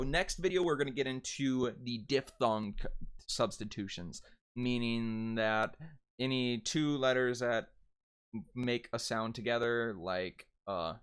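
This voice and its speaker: A man giving a casual how-to lesson on a dialect, explaining rules and demonstrating sounds by drawing out the vowels. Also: mid-range voice. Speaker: dialect coach.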